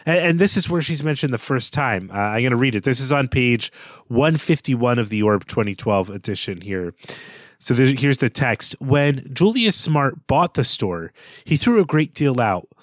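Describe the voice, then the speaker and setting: A male literary podcast co-host with a medium-pitched, lively voice reads a passage from the novel aloud at normal speed, then muses over the names in it. The recording has no room sound.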